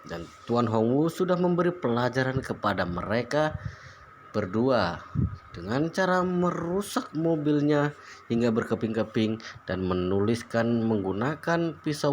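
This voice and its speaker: A man narrating a novel aloud as a channel host, in a plain, steady reading voice with small slips. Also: medium pitch, a little hiss or hum.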